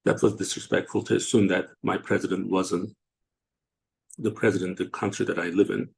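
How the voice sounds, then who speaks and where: A man from Turkey, hosting a casual online discussion and talking haltingly with many fillers and restarts. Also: low voice, little pitch movement, a little hiss or hum. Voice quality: gravelly, husky. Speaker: show host.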